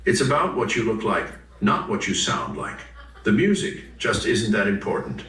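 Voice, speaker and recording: An actor playing a blunt, crass record label president in a parody corporate promo. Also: male voice, lowish voice, very animated, moderate pace, fairly bright tone. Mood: smug, blunt. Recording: roomy, distant, faint noise.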